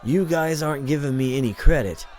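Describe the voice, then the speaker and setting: A man's voice: on the high side, a little fast, darkish tone, a faint crowd, a little hiss or hum, pitched above the performer's own voice, close to an everyday voice. A man voicing a cocky, teasing hacker who speaks through a hidden audio link, in an audiobook reading. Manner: brash, teasing, slangy. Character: cocky young hacker voice, show-off, brash.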